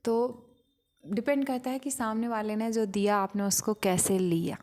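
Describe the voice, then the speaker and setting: Woman doing a calm spiritual talk, mid pitch, short phrases, lots of pauses, tells little stories. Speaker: spiritual speaker.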